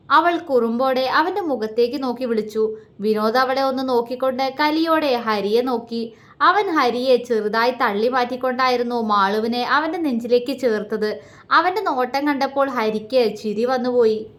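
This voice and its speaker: A Malayali woman narrates a family love story aloud. Her voice sits a bit high and she reads expressively at a steady pace. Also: normal speed.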